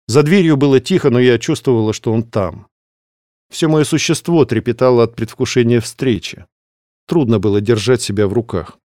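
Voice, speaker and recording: A man's voice: medium pitch, a little mellow, no room sound, studio quality. Man steadily reading a fantasy novel. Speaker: audiobook reader. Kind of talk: scripted narration of a fantasy novel.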